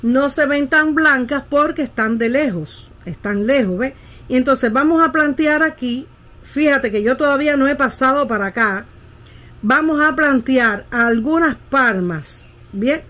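Woman, middle-aged, painting tutorial, patient, step by step, fairly high voice. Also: a little slow, a bit bright. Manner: patient, keeps asking "¿ve?" while demonstrating. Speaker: painting teacher.

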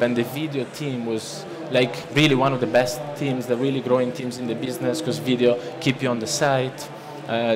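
This is a conference presenter, a man in his thirties from Italy with an Italian accent and a medium-pitched voice. He delivers a loose seminar talk, heavy on fillers and restarts, into a lectern microphone in a large conference hall while an audience listens.

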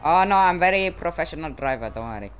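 Man putting on a hot-tempered Arabic-accented driver, swooping pitch. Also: lively intonation, quick pace, a bit bright, smooth. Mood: cheeky. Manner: foul-mouthed, confrontational. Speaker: gamer. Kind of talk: improvised online game role-play. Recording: noisy game audio with vehicle sounds.

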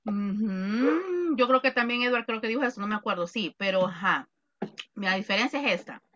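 Bright-voiced Salvadoran woman teacher. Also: medium pitch, normal speed, muffled recording, a little hiss or hum. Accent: Salvadoran Spanish. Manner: lively, joking, quizzes students. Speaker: English teacher. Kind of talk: online class teaching.

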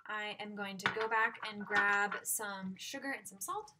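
A woman's voice: medium pitch, a little slow. A young woman giving a casual, upbeat cooking demonstration in a small home kitchen, moving around as she talks. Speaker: cooking instructor. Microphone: laptop webcam at a distance. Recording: loud cooking noise and clicks.

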